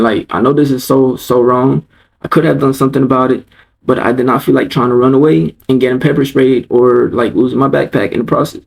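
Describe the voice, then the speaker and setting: A man's voice: mid-range voice, gravelly, darkish tone, low-quality recording. A man telling a personal story in a casual, laid-back storytime vlog, loose and swearing freely.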